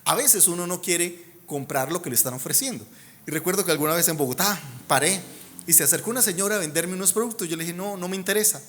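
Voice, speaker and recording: A Colombian man preaching a sermon as pastor, animated and humorous, swinging between loud emphatic lines and soft low endings. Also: fast, a little hiss or hum. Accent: Colombian Spanish.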